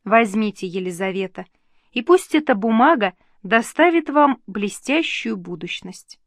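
A woman's voice: medium pitch, lively intonation, measured pace, dry recording, studio quality. Woman voicing a gracious, dignified queen. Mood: tender. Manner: warm, reassuring. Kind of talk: audiobook reading.

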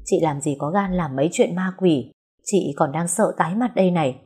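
A woman's voice: fairly low pitch, normal speed, a little mellow, breathy edge. A woman voicing a nervous young woman of the household. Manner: jittery.

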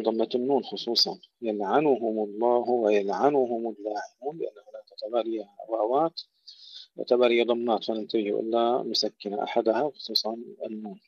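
A man teaching Quran recitation, who recites phrases slowly and loudly and then explains each rule in a plain teaching voice. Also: medium pitch, no room sound. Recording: dull, dry lo-fi recording.

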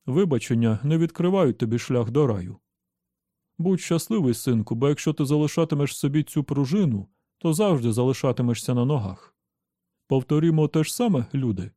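A man voicing a jovial, smooth-talking middle-aged bishop with a hearty, preacherly manner. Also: medium pitch, lively intonation, a little fast, dark tone, no room sound, studio quality, close to an everyday voice.

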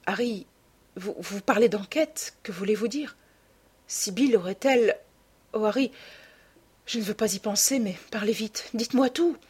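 An earnest, impassioned young aristocrat, as a woman reader puts him on, in an audiobook. The voice is husky and breathy, at a middling pitch close to the reader's own. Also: normal speed, close to an everyday voice. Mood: distraught. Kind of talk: audiobook character reading.

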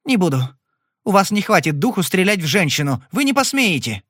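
A man's voice: big pitch swings, brisk, a bit bright, no room sound, studio quality, full character voice. A man voicing a cold, spiteful young woman gambler with an icy, haughty way of talking. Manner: icy, haughty, rising to shrill.

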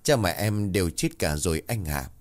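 A man's voice: low voice, animated, normal speed. Man voicing a young village servant, earnest, pleading tone. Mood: sad. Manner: pleading, eager.

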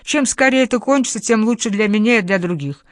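A woman reading an audiobook, voicing a sick, feverish man who hoarsely and desperately begs a doctor for help. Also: on the high side, quick pace, no echo, studio quality, voice pushed up, close to an everyday voice. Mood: despairing. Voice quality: hoarse, strained. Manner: pleading, agitated. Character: feverish sick male gambler, desperate and stubborn. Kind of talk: audiobook character voice.

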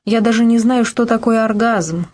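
A woman's voice: fairly high pitch, moderate pace, darkish tone, pitched above the performer's own voice, lightly acted. A woman reading as a plaintive deposed rich wife. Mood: despairing. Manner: sighing, plaintive, lamenting. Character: sad wealthy middle-aged wife, dethroned and self-pitying.

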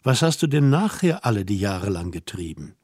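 A man reading an audiobook voices a young woman who teases and orders her companion about, asking brisk, mocking questions. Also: lowish voice, big pitch swings, a little mellow, breathy edge, dry recording, studio quality, voice pushed down. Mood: scolding. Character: young woman, teasing, bossy and self-assured. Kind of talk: audiobook dialogue.

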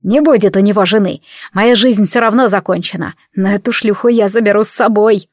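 A woman voicing a hateful, hysterical male theologian villain, with a nasal tone and hissing, drawn-out threats, in an audiobook reading. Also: mid-range voice, darkish tone, no echo, clean studio sound, close to an everyday voice. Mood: gloating. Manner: hissing, snarling, dragged-out threats.

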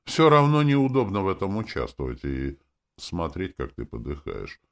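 A man's voice: sits low, huge pitch swings, moderate pace, gravelly, voice pushed up, exaggerated voice. A man doing a crude, teasing spirit companion. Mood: mocking. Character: cocky foul-mouthed young man spirit companion.

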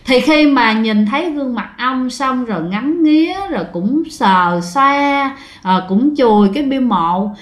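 A woman's voice: sits high, lively intonation, unhurried. A woman telling a ghost story, chatting directly to her listeners. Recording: roomy echo.

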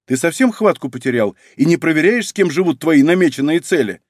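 A man reading an audiobook, voicing a gruff, tired detective who mutters sardonically. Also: fairly high pitch, animated, brisk, no echo, studio quality, voice pushed up. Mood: sardonic.

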